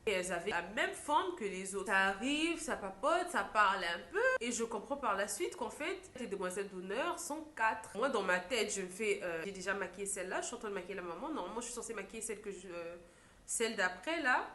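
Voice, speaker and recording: A young woman, a makeup artist, telling a story in a lively vlog style and acting out what others said. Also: medium pitch, fairly quick, slight background noise. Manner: animated storytelling, acts out quotes. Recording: echoey room.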